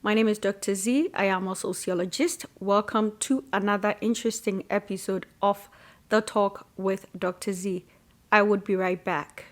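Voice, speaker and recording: A woman hosts her own solo commentary show. She speaks as a sociologist, measured and emphatic, leaning into her points. Her voice sits at an everyday middle pitch. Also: fairly even intonation. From Ghana. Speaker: sociologist and podcast host.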